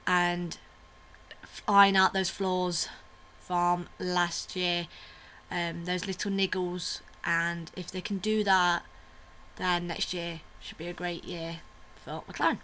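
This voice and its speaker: A woman's voice: lowish voice, flat delivery, slow pace, sharp tone, a little hiss or hum. A woman hosting a casual video review, chatty and opinionated, with fillers and asides. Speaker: vlogger host.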